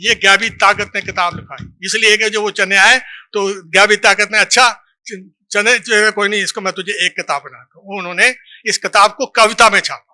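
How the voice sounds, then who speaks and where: A man's voice: sits high, fairly even intonation, moderate pace, pushed and bright. A man giving a lecture to a live audience as a seminar speaker, reciting verse and quizzing listeners with short questions. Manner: recites lines of verse from a book.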